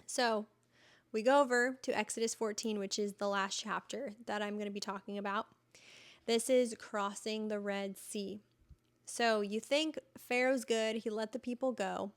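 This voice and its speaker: A woman's voice: medium pitch, fairly even intonation, moderate pace. Chatty enthusiastic woman podcast host. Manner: chatty and enthusiastic, retelling scripture in everyday words. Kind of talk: casual Bible teaching podcast.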